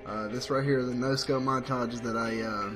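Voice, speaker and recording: A man's voice: mid-range voice, steady tone, moderate pace, music in the background. A man in his thirties, slightly under the weather, chatting casually and repetitively as a gaming YouTuber in his bedroom. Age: 30s. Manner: laid-back, chatty, repeats himself. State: slightly sick. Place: bedroom gaming setup, indoors. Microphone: desktop USB mic.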